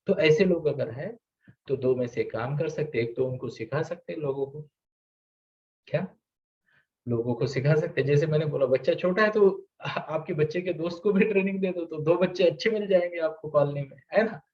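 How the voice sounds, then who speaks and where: A man leads a parenting session for a live audience, pausing often with rhetorical check-ins and calls for a show of hands. His voice sits a little high for a man. The recording catches him from a distance and sounds dull and lo-fi. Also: a little mellow. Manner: keeps checking in with rhetorical questions; asks the audience for shows of hands. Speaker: parenting coach. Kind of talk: live parenting seminar talk.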